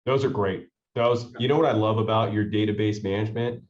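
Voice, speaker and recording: A man's voice: on the low side, fairly quick, slight background noise. A man hosting a podcast, talking in an enthusiastic and rambling way. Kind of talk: casual podcast chat. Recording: dull lo-fi sound.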